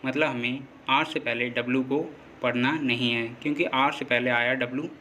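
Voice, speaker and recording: A man teaching a lesson, slowly and patiently explaining rules and repeating them. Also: medium pitch, steady tone, sharp tone, slight background noise. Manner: slow, repetitive, patient explaining. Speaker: English teacher.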